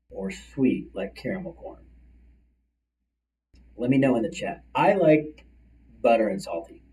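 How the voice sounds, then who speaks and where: A middle-aged man, talking fast and chatty as a career coach hosting a livestream from his office. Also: mid-range voice, mellow. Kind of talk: casual livestream coaching talk. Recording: distant mic, slightly far-off sound.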